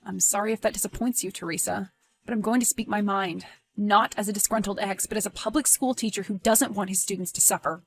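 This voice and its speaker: A woman voicing a soft-spoken young male teacher. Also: mid-range voice, steady tone, fairly quick, soft background music, lightly acted. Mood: earnest. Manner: soft, subdued, earnest. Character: gentle young male teacher, hurt and principled. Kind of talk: animated story voice acting.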